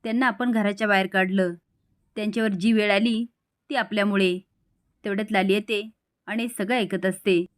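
Woman narrator, mid pitch, dry close sound, storytelling recap with quoted dialogue. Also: steady tone, moderate pace, no echo.

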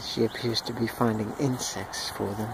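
A man narrating a home video in a hushed, mock-solemn wildlife documentary manner, outdoors in a yard. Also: fairly low pitch, flat delivery, normal speed, creaky. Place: outdoors in a yard with chickens and dogs. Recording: outdoor noise with bird calls.

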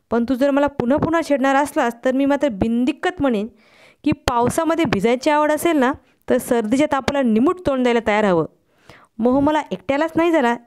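A woman voicing a calm, blunt male friend. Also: high-pitched, natural voice. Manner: calm, level, unhurried.

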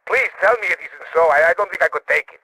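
Video game role: melodramatic Latin American colonel, higher-pitched, dry close sound, theatrical and courteous. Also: male voice, fast talker, sharp tone, husky, no echo, rough recording. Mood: anxious, scandalised. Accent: Latin American Spanish. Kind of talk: video game character phone dialogue.

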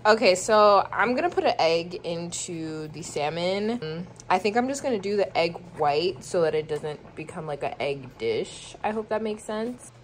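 With a lowish voice and lively intonation, the young woman in her twenties keeps a measured pace and hardly pauses. She casually narrates a cooking vlog into a phone camera from her small home kitchen and apartment room, rambling, mocking herself, and using many fillers. There is slight background noise.

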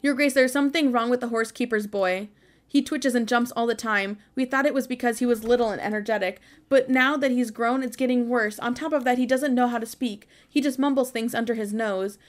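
A woman's voice: a little high, a little fast, natural voice. A woman voicing a worried peasant from a medieval video game, pleading in an earnest, emphatic way. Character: worried, insistent peasant pleading before the king. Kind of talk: reading game dialogue aloud.

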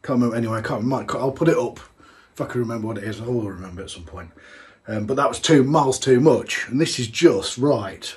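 A man's voice: mid-range voice, quick pace, darkish tone. A man, chatting casually as he tastes a homebrewed beer in a small home brewing room, thinking aloud with plenty of fillers. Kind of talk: casual tasting vlog.

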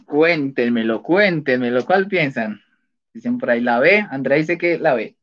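With lively intonation and a fairly bright, mid-range voice, a man speaks at normal speed while hosting a casual livestreamed spelling quiz. He chats and laughs frequently as he reads the answers. The audio is dull and lo-fi.

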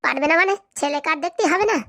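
A woman voicing a bossy, sharp-tongued cartoon wife who scolds and insults her husband. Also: very high voice, rapid-fire. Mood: scolding. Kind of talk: comic cartoon dubbing.

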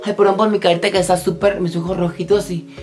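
A woman doing a casual shopping-haul vlog, chatty and excitable, talking straight to her viewers while tired. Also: fairly low pitch, fast, soft background music. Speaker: vlogger showing a shopping haul. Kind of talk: casual chatty product show-and-tell.

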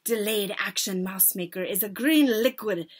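A woman's voice: medium pitch, moderate pace, breathy edge, pitched below the performer's own voice, close to an everyday voice. A woman voicing a commanding, gloating old witch ringleader with broken, foreign-style grammar in a storybook reading. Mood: commanding, explaining. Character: gloating old Grand High Witch, ringleader plotting against children.

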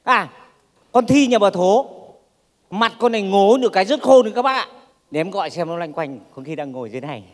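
A man playing a cocky young man looking for an online date, chatting to the audience and calling out loudly. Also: sits high, lively intonation, fast. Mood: chatty. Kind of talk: stage comedy monologue.

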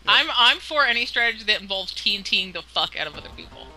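A woman's voice: mid-range voice, lively intonation, quick pace, pushed and bright, faint music behind, poor audio. A woman chatting casually during a game, teasing her co-host with a dry wit. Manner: laughs often, dry teasing. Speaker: co-host of a gameplay video. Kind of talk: casual gaming chat.

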